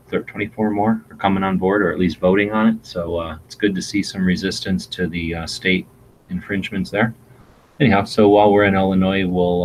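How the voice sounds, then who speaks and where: A man's voice: low voice, slight background noise, poor audio. A man hosting a casual live-stream chat, rambling along with many fillers and restarts. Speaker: gun channel host. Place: home in Arizona.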